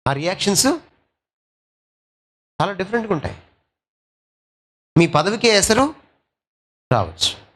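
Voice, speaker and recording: A male pastor preaching a sermon, asking rhetorical questions, slipping English phrases into his talk, and swinging between loud and soft delivery. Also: sits high, expressive, unhurried, long pauses.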